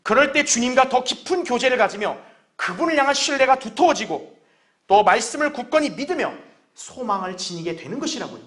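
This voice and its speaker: A man's voice: extremely high pitch, big pitch swings, a little fast, a bit bright. A man preaching a sermon as pastor, earnest and conversational, often asking the congregation rhetorical questions.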